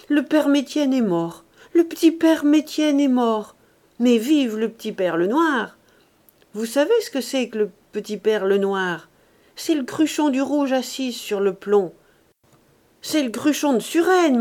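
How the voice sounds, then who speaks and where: A woman reading aloud, voicing an anxious old limping peasant gardener who talks loudly and coaxingly. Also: on the high side, sing-song, normal speed. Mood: jovial coaxing. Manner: loud, jovial, coaxing.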